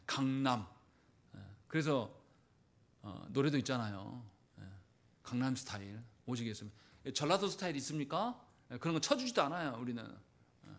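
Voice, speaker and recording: A man pastor preaching a sermon in a church, acting out quoted lines with sudden loud bursts. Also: medium pitch. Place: church sanctuary.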